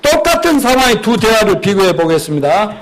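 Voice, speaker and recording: A pastor with a high, light voice gives a lively sermon. He moves between teaching and acting out little conversations, shifting his voice for each speaker. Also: a little fast, a little hiss or hum, low-quality recording. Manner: animated, acts out dialogues in different voices.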